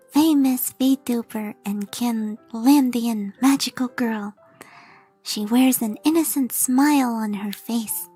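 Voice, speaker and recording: A woman's voice: a little high, dark tone, husky. A woman VTuber reading comedic fan fiction aloud, stumbling over lines and correcting herself. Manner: stumbling, self-correcting, laughing reader.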